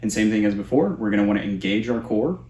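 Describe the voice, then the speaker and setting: A man's voice: fairly low pitch, lively intonation, fast talker, mellow, slight background noise. A man giving a casual, explanatory tutorial as a vocal coach. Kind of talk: instructional tutorial with vocal demonstrations. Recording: roomy echo.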